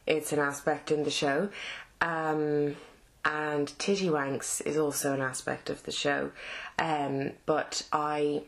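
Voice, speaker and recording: An Irish actress with a Dublin accent and a low voice answers interview questions. She speaks haltingly and casually, with lots of fillers and restarts.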